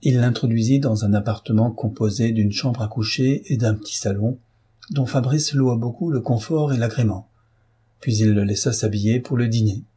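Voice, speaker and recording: A man reading a classic novel aloud as a steady, even audiobook narrator. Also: mid-range voice, moderate pace, slightly rough. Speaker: audiobook reader.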